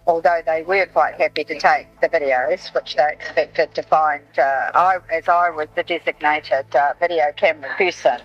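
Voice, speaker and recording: A middle-aged woman heard on an old dictaphone recording made in a noisy cafe, recounting events in a halting way with many "uh"s and "um"s. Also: deep voice, fairly even intonation. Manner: hesitant, halting with frequent "uh" and "um". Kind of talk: recounting past events in an interview. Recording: lo-fi dictaphone tape.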